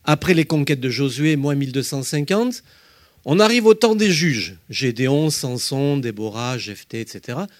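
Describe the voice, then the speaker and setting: A man teaching a Bible study, walking listeners through slides with emphatic, lively explanations. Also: medium pitch, normal speed, no room sound, studio quality.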